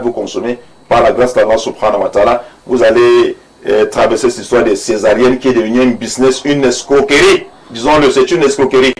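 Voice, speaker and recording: A man's voice: mid-range voice, low-quality recording. A man, an imam speaking earnestly and preachily in a studio debate, repeating phrases for emphasis. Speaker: imam, panel guest.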